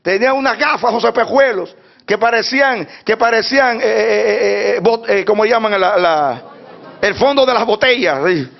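A man preaches to his congregation in a high voice, dropping to a hush and then rising to a shout. He hammers points home by repeating words over and over. The recording sounds dull and lo-fi. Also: moderate pace, gravelly, a faint crowd. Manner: swings from hushed talk to shouted preaching. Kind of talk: sermon.

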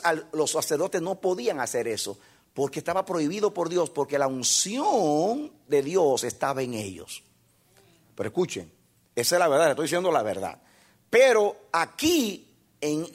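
A male pastor delivers an impassioned sermon, dropping to hushed passages and rising to shouted appeals. His voice sits high with a lively, swooping pitch. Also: slightly rough.

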